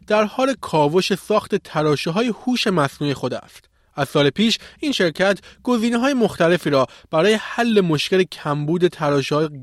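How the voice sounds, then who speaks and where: A man's voice: fairly high pitch, no echo. A man presenting technology news in a scripted reading style, close to the microphone.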